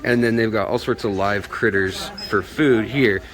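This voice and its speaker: A man's voice: on the low side, moderate pace, crowd noise. A man hosting a casual, chatty walk-through vlog, his voice slightly muffled by a face mask, as he shows viewers around a shop. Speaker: host of a shop tour video. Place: inside a pet shop, walking around. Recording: clear background noise, store ambience.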